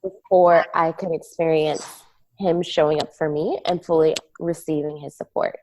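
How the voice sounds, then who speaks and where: A woman guest on a podcast, telling a personal story earnestly, halting with many "um" and "like" fillers. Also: deep voice, steady tone, a little mellow.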